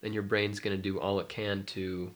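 His fairly low voice comes out flat and at a moderate pace, stuffed up and a bit nasal from a cold. The young man is a mindfulness life coach co-hosting a casual chat podcast.

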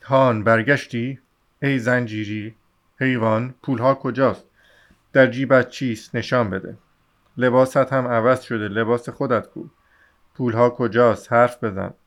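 A man's voice: mid-range voice, steady tone, natural voice. A man reading aloud the lines of a furious, desperate poor mother and wife, scolding in an angry outburst. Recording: slightly dull lo-fi audio.

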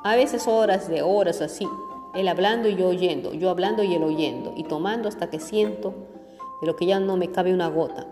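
A woman's voice: on the low side, moderate pace, natural voice. A woman voicing a plaintive young chauffeur. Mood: confiding. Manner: plaintive, confessional. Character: humble young male chauffeur confiding troubles. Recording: reverberant room with faint music.

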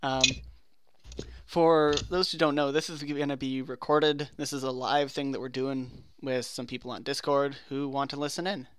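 A man's voice: medium pitch, flat delivery, normal speed, clear, resonant tone, dry recording. A man running a tabletop role-playing session as game master, talking in a rambling, self-correcting way. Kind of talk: casual tabletop game chat.

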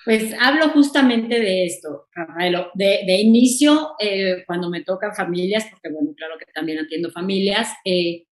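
A Mexican woman, a thanatologist, talking expressively in a casual interview and pushing her pitch up to stress points. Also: moderate pace, few pauses. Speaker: thanatologist guest. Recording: roomy echoey sound.

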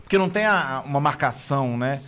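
A man's voice: medium pitch, lively intonation, quick pace, bright, forceful tone. A man, a stand-up comedian talking casually and explaining his process in long, thoughtful stretches. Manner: thoughtful, explains at length with restarts. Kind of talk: casual chat.

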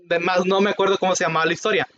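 High-voiced Mexican guy, wry jokes. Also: little pitch movement, racing, fairly bright tone, dull audio. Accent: Mexican Spanish. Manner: wry, joking and slangy. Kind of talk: casual chat.

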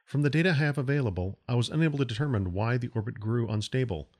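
A man's voice: medium pitch, quick pace, darkish tone, lightly acted. A man voicing a polite female ship's computer that reports in formal phrases.

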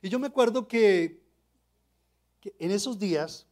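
A pastor shares a personal testimony with his congregation in a sermon, telling his story and often asking rhetorical questions to get them to agree. His voice sits high, slightly mellow, and unhurried.

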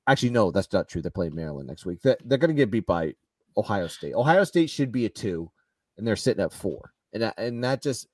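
A man's voice: lowish voice, sing-song, brisk, a little mellow, no echo, far from the mic. A man co-hosting a podcast, giving opinionated, rambling takes in casual sports chat. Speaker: podcast co-host.

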